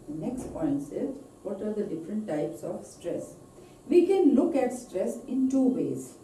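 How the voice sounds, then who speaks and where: A woman with an Indian English accent teaching English pronunciation in a recorded lecture, slowly stretching out example words. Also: a little high, mellow, recorded from a distance. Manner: slow, deliberate, drawn-out example words. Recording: echoey room, voice off-mic.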